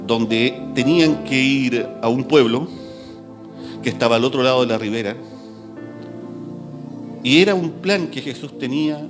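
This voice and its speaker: A man preaching a sermon in a church. He reads scripture aloud in an animated way and jokes with the congregation. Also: medium pitch.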